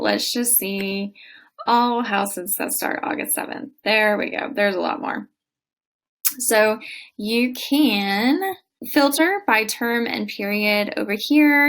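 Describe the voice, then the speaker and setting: A woman's voice: fairly high pitch, creaky, a bit bright. A woman in her thirties giving a chatty, explanatory walkthrough of a website for her travel vlog. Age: 30s. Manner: chatty, explanatory, laughs often. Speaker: travel vlogger. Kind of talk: screen walkthrough tutorial. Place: house in Oxford, England.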